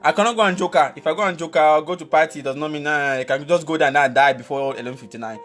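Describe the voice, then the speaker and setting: A man's voice: a little high, rapid-fire, fairly bright tone, soft background music. A man giving a motivational talk who speaks emphatically, repeats key phrases and urges the listener directly. He playfully acts out scenarios with exclamations.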